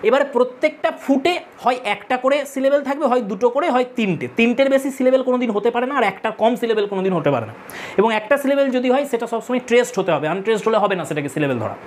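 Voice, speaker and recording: A woman's voice: on the high side, expressive, fast talker, a little mellow, a little hiss or hum. A woman with a Bengali accent teaches a literature lesson for exam students, explaining step by step, counting aloud and repeating key terms.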